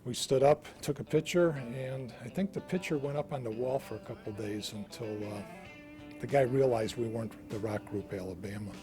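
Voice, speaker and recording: A man recalling a funny story in a relaxed, rambling way. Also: mid-range voice, moderate pace. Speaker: interviewee. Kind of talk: casual storytelling. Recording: guitar music behind.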